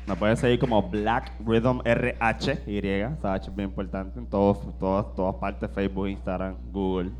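A man's voice: on the low side, level tone, normal speed, few pauses, a little mellow. A Puerto Rican man chatting as a beatboxer guest, upbeat and leading the crowd. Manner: upbeat, leads a call-and-response. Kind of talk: casual chat, crowd hype.

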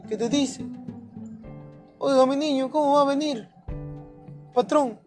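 A man voicing a deferential rural Mexican villager with a high, singsong lilt and a rural northern Mexican accent. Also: measured pace, soft background music.

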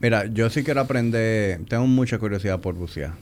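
Host guy, kinda low voice, asking curious quick questions. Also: a little mellow. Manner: curious, asks short questions. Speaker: podcast host. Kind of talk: casual conversation.

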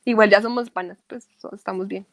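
A woman's voice: medium pitch, steady tone, fairly quick, dry recording. A young woman with a Colombian accent telling a confessional story in casual, slangy chat. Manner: chatty confessional, heavy slang.

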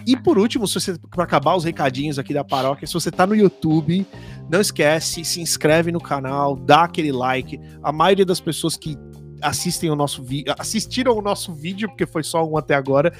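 A man's voice: fairly high pitch, a little fast, faint music behind. A man with a Brazilian Portuguese accent hosting a casual podcast, chatting informally with slang and frequent tag questions. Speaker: podcast host.

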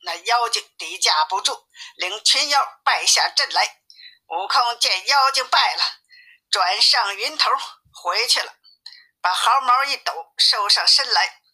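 A woman telling a classic tale in a steady, simplified storybook reading. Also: on the high side, unhurried, breathy edge. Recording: tinny phone-like sound.

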